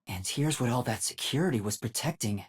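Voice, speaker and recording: Speaking a bit fast in a slightly rough, medium-pitched, expressive voice, a man performs a timid, earnest young male detective for a video game. He muses hesitantly and thoughtfully in a light, boyish tone, giving a pondering investigative monologue.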